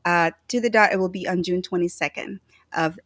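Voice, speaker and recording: A woman's voice: lowish voice, steady tone, fairly quick, fairly bright tone, no room sound. A woman in her thirties from El Salvador, hosting a casual trivia chat with bubbly energy and frequent laughter. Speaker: host.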